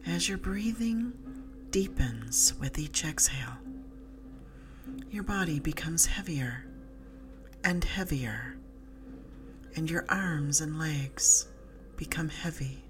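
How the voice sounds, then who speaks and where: A woman narrating a sleep story as a guided relaxation, in a soothing, hushed, breathy voice that often softens into a whisper. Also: low-pitched, expressive. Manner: soothing, hushed, breathy delivery with soft whispery phrase endings. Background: slow music with drum beat.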